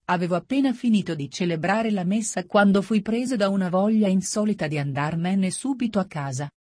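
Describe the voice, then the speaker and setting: A woman reading a first-person narration at a slow, measured pace. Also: medium pitch, darkish tone, dry recording, clean studio sound. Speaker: audiobook reader.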